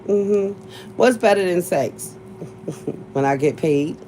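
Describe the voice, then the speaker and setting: A woman's voice: fairly low pitch, slow pace, mellow, a little hiss or hum. A woman hosting a live stream, chatting with viewers in a blunt, profane way, laughing often. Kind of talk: casual livestream chat with viewers.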